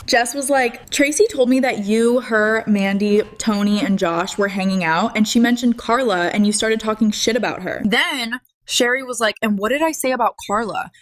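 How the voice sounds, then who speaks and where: A woman's voice: fairly high pitch, moderate pace, hardly any pauses. A young woman hosting a casual, dramatic storytime, chatty and colloquial, acting out quoted remarks and swearing freely. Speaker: mukbang storytime host.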